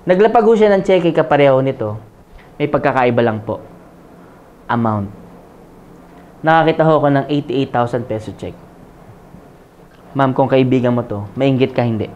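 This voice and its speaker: A man's voice: medium pitch, moderate pace, pauses often, darkish tone, slight background noise. A man from the Philippines in his forties, telling his own story in a motivational sales presentation, often checking with the audience and slipping in jokes. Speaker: business presenter. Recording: dull lo-fi audio.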